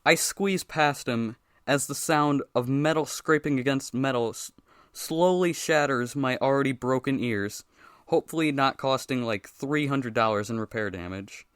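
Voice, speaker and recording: A young man narrates his homemade cartoon with deadpan, self-mocking humor, getting louder and more excited as the story builds. His voice sits at a middling pitch, and the recording is dry and close with no room sound. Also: moderate pace, clear, resonant tone, dry recording. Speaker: creator narrating his animation.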